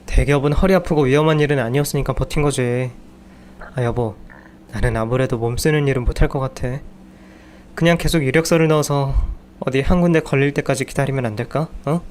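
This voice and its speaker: A man's voice: mid-range voice, fairly quick, darkish tone, a little hiss or hum, natural voice. A man playing a sulky lazy husband. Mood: grumbling. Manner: sulky, complaining. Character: lazy, whiny young husband who quits jobs.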